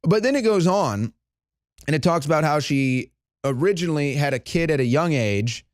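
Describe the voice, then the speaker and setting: Indignant fast-talking male commentator. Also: a little high, lively intonation, no room sound, studio quality. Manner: indignant, rising to loud emphatic peaks. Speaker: news commentator. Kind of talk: opinionated news commentary.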